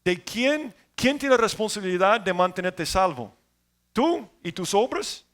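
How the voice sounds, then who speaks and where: A man preaching a sermon as pastor, telling stories and swinging between loud emphasis and quiet asides. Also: high voice, sing-song, unhurried.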